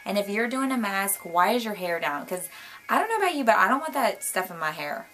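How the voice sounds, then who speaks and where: A young woman with a hoarse, worn voice, chatting casually at home in a rambling, bubbly way with lots of asides. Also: medium pitch, expressive, fairly quick, a bit bright. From Florida, US. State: hoarse, losing her voice. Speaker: beauty vlogger. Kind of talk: casual chat. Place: home, indoors. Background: light jazz music.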